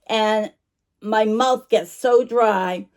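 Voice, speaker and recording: An online vintage shop owner vlogs casually to camera, showing off her shop finds while chewing gum, rambling, apologizing, and interrupting herself. She speaks extremely slowly in a fairly high, slightly mellow voice.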